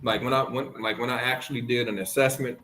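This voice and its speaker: A man's voice: medium pitch, flat delivery, fast, a bit bright, a little hiss or hum, low-quality recording. A man from the Bahamas hosting a casual chat, talking in a rambling way with lots of restarts. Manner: rambling, many restarts and fillers. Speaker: host.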